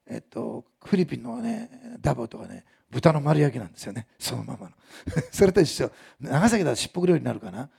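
A man preaching a sermon as a pastor, telling stories with animated delivery and acting out the people he quotes. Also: sits high, gravelly, slightly rough.

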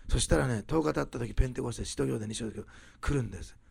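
A man preaching a sermon, rising loud on key phrases and dropping to soft, quiet asides. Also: medium pitch, racing, gravelly, breathy edge. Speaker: pastor.

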